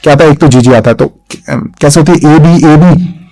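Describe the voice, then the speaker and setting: A man's voice: on the high side, normal speed, dark tone, low-quality recording. A young man talks through an exam-prep lesson with a slightly raised voice. He often poses a question and then answers it himself. His delivery is patient and repetitive. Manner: repeats key points as questions and answers them. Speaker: teacher.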